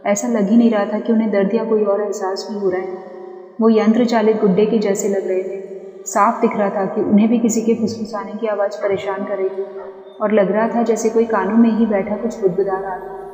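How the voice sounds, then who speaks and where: A woman's voice: medium pitch, dark tone, dull audio. A woman storyteller reading a horror tale in a dramatic, suspenseful way. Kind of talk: scripted horror narration. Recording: echoey reverb with background music.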